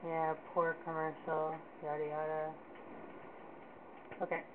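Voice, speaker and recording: A woman's voice: sits low, completely flat delivery, a little slow. A woman giving casual, offhand, mildly self-mocking commentary over an old TV recording playing in the room. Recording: phone-like home recording with clear noise. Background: television playing in the room.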